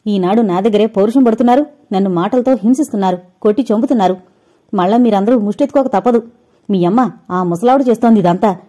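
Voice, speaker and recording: A sharp-tongued young wife hurls scornful, rapid tirades in a loud, mellow voice, as a woman reading an audio novel puts her on. Storybook drama. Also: medium pitch, natural voice. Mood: furious scornful. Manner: taunting, shouting fast tirades.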